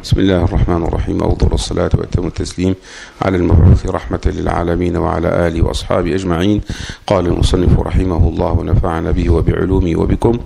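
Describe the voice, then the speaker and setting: Deep, gravelly man reading a text. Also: flat delivery, dark tone, a little hiss or hum. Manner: reads formally, with a measured cadence. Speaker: student reading the text aloud. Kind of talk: formal reading aloud.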